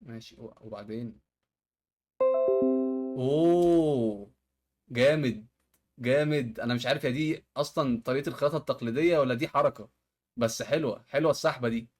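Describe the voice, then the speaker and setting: Fast-talking Egyptian man reacting to videos. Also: medium pitch, soft background music. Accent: Egyptian Arabic. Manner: amused, exclaims at tricks. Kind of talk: casual reaction commentary.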